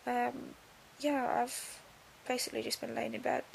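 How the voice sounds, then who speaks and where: Casting: young woman, very gravelly fry on a highish voice, drowsy post-surgery delivery, casual diary style. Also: sing-song, a little slow, slight background noise. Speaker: vlogger.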